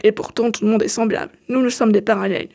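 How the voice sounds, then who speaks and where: A soft-spoken female guide to a parallel world, read aloud by a woman. She explains things patiently and keeps an even, fairly high voice. The delivery stays close to plain reading. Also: quick pace, gravelly. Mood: patient explaining.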